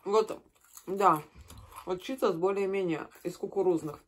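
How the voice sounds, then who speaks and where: A woman with a mid-pitched voice chats casually between crunchy bites of chips. She is recorded at table distance in a room at home, with clear background noise and small clicks. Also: a little slow. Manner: talking while crunching chips and snacks. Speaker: mukbang host. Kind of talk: casual chat while eating.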